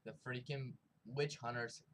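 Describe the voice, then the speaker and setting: A man's voice: medium pitch, fairly even intonation, a little slow, fairly bright tone, a little hiss or hum, rough recording. Slangy young man rambling a recap. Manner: rambling, slangy, acts out characters' lines. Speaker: TV episode reviewer. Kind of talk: casual recap and review.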